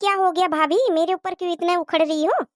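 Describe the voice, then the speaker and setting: A woman's voice: very high voice, fairly even intonation, brisk, no room sound, clean studio sound. Woman doing a smug, mocking young sister-in-law. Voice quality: mocking, sneering.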